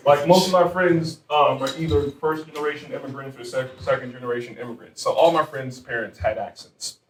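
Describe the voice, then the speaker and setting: A man's voice: mid-range voice, steady tone, moderate pace, slight background noise. A young man performing a stand-up comedy set, loose and chatty with lots of asides. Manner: loose, conversational delivery with frequent asides. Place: live club stage with audience. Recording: roomy live venue, mic heard from a distance, crowd laughter.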